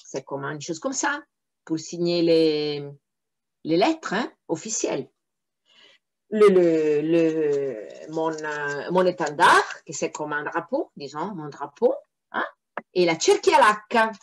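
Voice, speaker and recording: A woman reads a fairy tale aloud for young listeners, her pitch swinging in a very expressive way. She often breaks off to explain unfamiliar words in a friendly, teaching manner. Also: slow pace. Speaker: storyteller.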